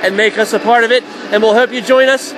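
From a college radio press box, a young man calls hockey play-by-play in a high voice that carries over the loud arena noise. He rattles off passes and shots in rapid, excited calls and rises to shouts whenever a goal goes in.

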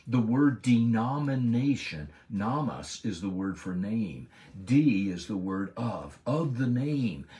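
A man giving a Bible lesson as a sermon, preaching emphatically and slowing down hard on key words. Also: on the low side, big pitch swings, warm tone. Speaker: Bible teacher. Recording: voice a bit far from the mic.

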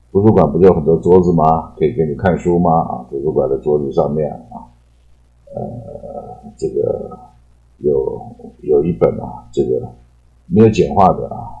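A man from Taiwan teaching English vocabulary in a rambling lecture, loosely explaining words and padding his sentences with drawn-out particles. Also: deep voice, mellow, low-quality recording.

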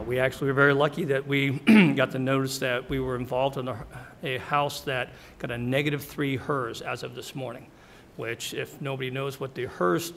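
A middle-aged man with a gravelly, creaky voice speaks plainly and earnestly as a builder on a policy panel. He often clears his throat. He talks into a table mic in a wood-paneled hearing room, with a faint hiss of room noise behind him. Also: medium pitch, fairly bright tone. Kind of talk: panel presentation. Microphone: table mic on stand.

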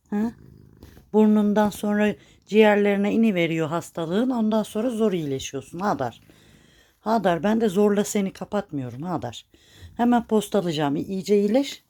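With a cat purring close by, a street cat rescuer and vlogger from Turkey tends to a stray at home, repeating its name in affectionate, chiding baby talk. Her voice is mellow and mid-range.

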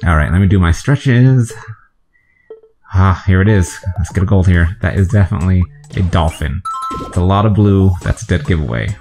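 A man with a deep, low voice gives chatty let's-play commentary, talking to himself as he guesses his way through a video game. Faint game music runs underneath his talk. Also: expressive, moderate pace, a little mellow. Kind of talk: gameplay commentary.

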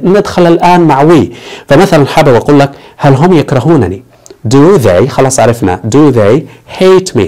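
A man's voice: fairly high pitch, darkish tone. Upbeat man teaching English. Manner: explains step by step, switching between Arabic and English; upbeat, repeats a catchphrase. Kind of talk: online language lesson.

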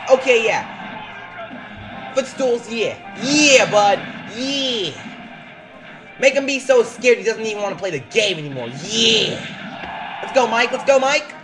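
An excitable let's-play commentator whose pitch jumps all over the place as they cheer on a computer fighter. Bursts of hype break up the running play-by-play. Loud game music plays under the voice. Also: slow pace, pauses often. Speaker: gameplay commentator.

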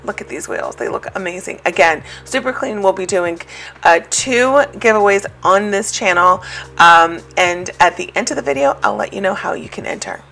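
Chatty woman with a gravelly low voice. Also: normal speed, bright, forceful tone, soft background music. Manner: chatty, rambling with many ums. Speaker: cleaning vlogger. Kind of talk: casual voice-over chat.

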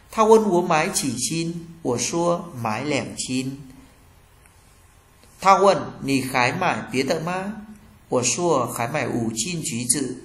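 A man's voice: a little high, roomy sound. A Vietnamese man teaching a language lesson, reading short example phrases and translating each one.

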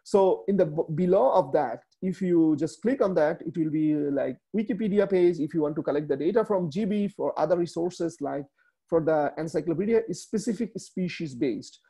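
Giving a slide talk on a video call from a small room, a Bangladeshi webinar speaker in his thirties, whose native tongue is Bengali, speaks with a Bangladeshi accent. He halts repeatedly, with lots of fillers and restarts. His voice is on the high side, gravelly and husky with a dark tone.

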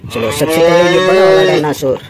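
A host with a medium-pitched voice, talking a little fast, narrates toy play for children playfully and exclaims often with repeated little cries of wonder. The background is very noisy.

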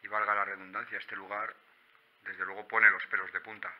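Low-voiced Spanish man, muffled night vlog. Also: level tone, fairly quick, noisy background. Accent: Spanish, from Spain. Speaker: urban exploration vlogger. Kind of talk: hushed narration of a night exploration vlog. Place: on foot at night among abandoned rural buildings and woods.

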